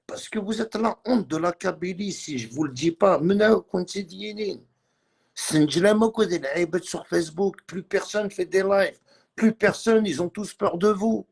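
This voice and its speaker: Speaking at a measured pace in a high-pitched, husky voice with vocal fry, a livestreamer rants angrily and repetitively in French laced with Arabic and Kabyle.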